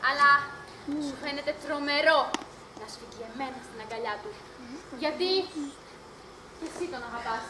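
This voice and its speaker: A woman's voice: high-pitched, pauses often, noisy background, natural voice. A woman on stage playing a defiant, passionate youngest sister, declaiming fiercely, recorded live and echoey. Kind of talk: amateur stage acting.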